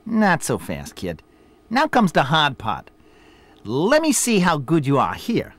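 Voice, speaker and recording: A man's voice: a little high, huge pitch swings, slow, a bit bright, no room sound, exaggerated voice. An actor playing a boastful, teasing middle-aged boss who instructs his apprentice in scripted promotional dialogue. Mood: bossy. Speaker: boss character in a promo video.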